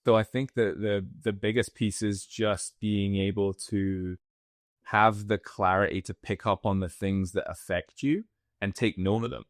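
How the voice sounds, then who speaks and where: Male co-host, low voice, measured and reflective, dry studio sound. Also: steady tone, no echo. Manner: reflective, measured, thinks aloud with restarts. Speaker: podcast co-host. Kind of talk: casual podcast conversation.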